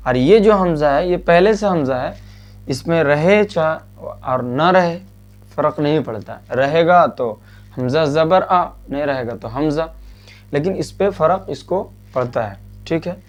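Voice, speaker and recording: A man teaching a Quran reading lesson, patiently asking questions and answering them himself, and drilling letter sounds slowly. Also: fairly high pitch, darkish tone. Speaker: religious teacher.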